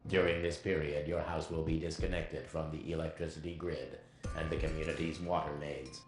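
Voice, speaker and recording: A glitching, bureaucratic post office robot, rattling off rules in a very deep, gravelly drone that barely rises or falls. Its clipped, officious machine phrases break into error outbursts. The game audio sounds echoey, with music running underneath. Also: male voice, little pitch movement, a little fast. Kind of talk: video game voice acting.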